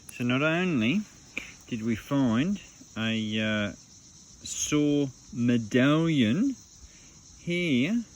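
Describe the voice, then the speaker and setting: A man's voice: mid-range voice, slight background noise. Laid-back Australian man detecting in the bush. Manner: laid-back, swears casually, uses Aussie slang. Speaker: metal detecting vlogger. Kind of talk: casual outdoor narration while detecting. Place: outdoors on the goldfields, rural bush. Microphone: camera mic outdoors, wind at times.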